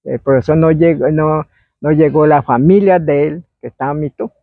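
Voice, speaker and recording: Guy telling an old spirit story, rambly, gravelly voice, tinny dry phone-ish recording. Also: fairly high pitch, fairly even intonation, normal speed, no room sound. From Colombia. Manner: meandering, acts out shouts and quoted voices. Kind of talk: oral history storytelling. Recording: dry, phone-like narrow sound.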